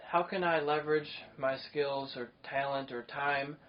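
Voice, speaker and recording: His voice sits on the high side, measured in pace and fairly even in intonation, as he hosts a podcast in an enthusiastic, meandering, casual way full of fillers. Faint noise runs under the dull, lo-fi recording.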